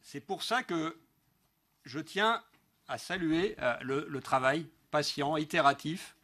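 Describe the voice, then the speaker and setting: Speaking slowly into a gooseneck desk mic, a middle-aged councillor delivers a prepared political speech in a large indoor council chamber. His pitch is fairly high and his tone bright and forceful. The delivery is formal and emphatic, with occasional stumbles as he reads.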